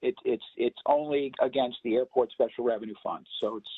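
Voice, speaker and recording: A man on a county staff, speaking over the phone to answer board questions at a public meeting, halting and restarting as he explains. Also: mid-range voice, steady tone, breathy edge, no room sound. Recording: tinny dry phone line.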